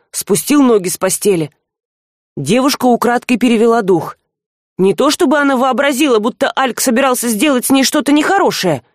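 A woman narrating a fantasy audiobook in a lively, animated storytelling style. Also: fairly high pitch, no room sound, clean studio sound.

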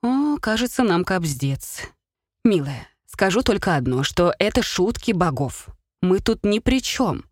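A woman's voice: medium pitch, very animated, unhurried, no echo. A woman reading a blustering middle-aged father, a former soldier, who blurts and pleads with his wife. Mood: pleading.

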